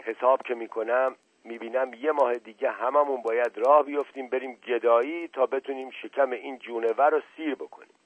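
A man's voice: mid-range voice, fairly even intonation, slightly rough, no room sound, pitched above the performer's own voice, close to an everyday voice. A scheming village man speaks firmly and emphatically, as a man acts him out. The sound is tinny and narrow, like a phone line, with a dry room.

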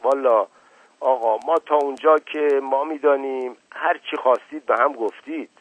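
A man's voice: mid-range voice, steady tone, dry recording, voice pushed up, natural voice. A man voicing an older male servant who rambles, hesitates and stammers a pet phrase, in a story reading. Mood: folksy, evasive. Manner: repeats stammering catchphrase, hesitant "ah, ah". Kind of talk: audiobook reading. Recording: tinny lo-fi radio broadcast, dry.

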